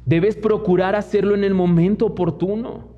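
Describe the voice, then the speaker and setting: Heard in a church hall with long reverb and muffled lo-fi audio, a young man with a Mexican Spanish accent delivers a sermon as pastor. His high voice moves at a normal speed with fairly even intonation as he recounts personal stories and mimics others' voices in quoted asides.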